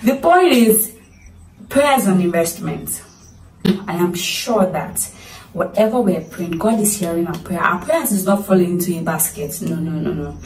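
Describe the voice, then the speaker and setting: A woman's voice: lowish voice, lively intonation, moderate pace, a little mellow. A woman with a Nigerian accent pleads with her listeners, repeating her points for emphasis in an earnest motivational talk. Her voice carries a roomy echo and sounds a little distant from the mic, with faint noise behind. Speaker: vlogger.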